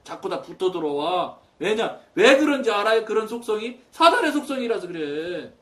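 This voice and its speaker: Lively high-pitched preacher, set back from the mic. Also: male voice, normal speed, far from the mic. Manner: storytelling with quoted dialogue, emphatic rises and soft drops. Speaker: pastor. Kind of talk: sermon.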